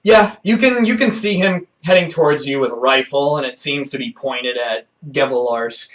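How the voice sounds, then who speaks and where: A man's voice: medium pitch, normal speed, fairly bright tone. A man running a tabletop game as game master, calling turns and ruling on actions with frequent laughs. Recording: distant mic with faint noise.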